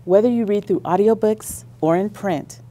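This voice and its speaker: On a radio interview, a school district library leader explains library services at length and with enthusiasm. She speaks at normal speed in a mellow, medium-pitched voice.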